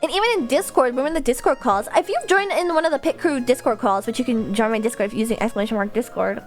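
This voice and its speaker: A young woman VTuber chatting casually with her livestream viewers in a cute, playful, animated anime-streamer manner, talking nonstop. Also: fairly high pitch, fast. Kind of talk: casual livestream chat, reading and answering viewers' messages. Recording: music playing behind the voice. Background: music.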